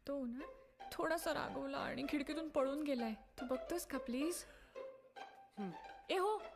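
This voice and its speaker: A woman's voice: high-pitched, measured pace. An actress playing a jumpy young wife who is easily startled and flustered in her denials, with faint music behind. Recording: film soundtrack with faint music.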